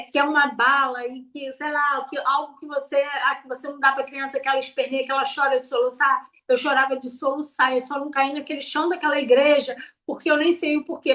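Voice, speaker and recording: A Brazilian woman with a high, bright voice speaks from a church altar. She preaches her testimony with passion and keeps repeating her pleas. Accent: Brazilian Portuguese. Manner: passionate, repetitive, rising to fervent pleas.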